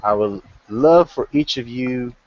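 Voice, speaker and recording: A man's voice: medium pitch, unhurried, darkish tone, dull audio. A man narrating a tabletop game as game master, rambling with many restarts.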